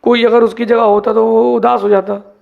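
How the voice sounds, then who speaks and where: A man, a monk, giving a sermon, telling parables in a lively teaching way and mixing in English words. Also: very high voice, moderate pace, gravelly. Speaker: Jain monk giving a discourse. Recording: dull lo-fi sound.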